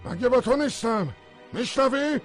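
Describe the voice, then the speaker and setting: An indignant prisoner in a dubbed film. His voice is high and swings widely as he hurls threats and boasts. He sounds furious at being held. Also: expressive, faint music behind. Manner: shouting, boastful demands. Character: arrogant locked-up man, angry and threatening.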